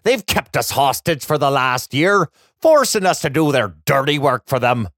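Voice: mid-range voice, sing-song, moderate pace, fairly bright tone, dry recording. An elderly leprechaun from a fairy storybook, folksy and hearty with a lilt, as a narrator puts him on. His voice swings widely and sounds dry and close. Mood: grim. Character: elderly jovial male leprechaun.

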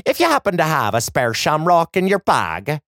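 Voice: medium pitch, huge pitch swings, moderate pace, fairly bright tone, no echo, clean studio sound, voice pushed up. A narrator voicing an elderly, motherly leprechaun woman with a lilt. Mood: kindly. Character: elderly kindly female leprechaun.

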